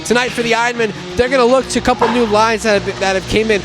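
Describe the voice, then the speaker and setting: Male play-by-play hockey announcer, high register, music underneath. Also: steady tone, quick pace. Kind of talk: sports commentary and game previews.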